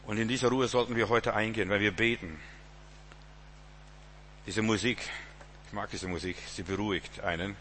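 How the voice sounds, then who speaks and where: Bright-voiced man preaching a sermon. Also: lowish voice, fairly even intonation, moderate pace, long pauses, a little hiss or hum. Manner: rambling, repeats words, chuckles.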